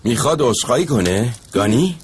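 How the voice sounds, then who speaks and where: A stern sarcastic uncle. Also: male voice, mid-range voice, animated, slightly rough. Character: stern sarcastic middle-aged uncle, head of house. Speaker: dubbed drama character, household elder. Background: background score music.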